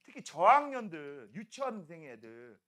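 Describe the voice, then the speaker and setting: Lively, chatty male science teacher. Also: a little high, moderate pace. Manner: animated storytelling, chatty rhetorical questions. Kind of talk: classroom lecture.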